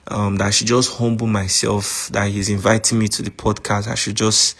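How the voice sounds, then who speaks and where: A man with a Nigerian accent recording a voice message to a friend, calmly recounting a grievance. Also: lowish voice. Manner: calm, measured account of a grievance. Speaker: podcast host.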